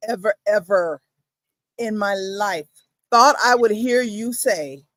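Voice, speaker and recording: A woman chatting casually on a video-call livestream, playful and teasing with an animated manner. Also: mid-range voice, slow pace, no room sound.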